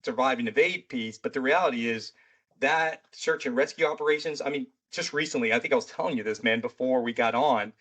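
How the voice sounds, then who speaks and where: A man's voice: mid-range voice, brisk, a bit bright. A man hosting a mystery podcast in a loose, rambling chat, peppered with "you know" and "right". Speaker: podcast host; military veteran.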